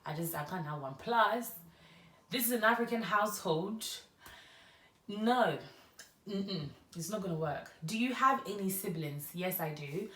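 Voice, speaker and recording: A woman's voice: medium pitch, a little slow, reverberant, distant mic. A young woman from Ghana with a Ghanaian English accent tinged with Nigerian touches, chatting and rambling through a get-to-know-me vlog. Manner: chatty, rambling, animated storytelling. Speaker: YouTuber.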